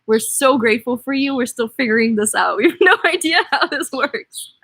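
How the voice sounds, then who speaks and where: Young female co-host, fairly high voice, dry close sound, thankful and chatty. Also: animated, moderate pace, husky, dry recording. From Singapore and Germany. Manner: warm, grateful, laughs often, gives advice. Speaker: co-host of a travel channel. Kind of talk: casual live-stream chat.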